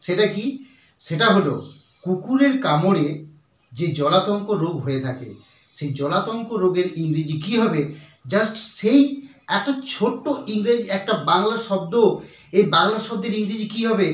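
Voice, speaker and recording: High-voiced Bengali teacher in an echoey room. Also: male voice. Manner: patient, repeats and spells out letters slowly. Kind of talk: spelling lesson to students. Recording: echoey room, voice far from mic.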